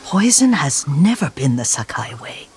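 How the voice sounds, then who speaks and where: An actress voicing an elderly woman caretaker who is gentle and protective, speaking softly, often half-whispered and motherly, in video game dialogue. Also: deep voice, big pitch swings, moderate pace, a little hiss or hum. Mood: worried. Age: older. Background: game music.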